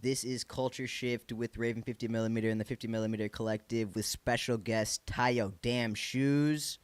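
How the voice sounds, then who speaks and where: A man's voice: mid-range voice, steady tone, normal speed, smooth, no echo. A man with a Michigan accent hosting a casual interview, speaking in a slangy, encouraging, informal way. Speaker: podcast host.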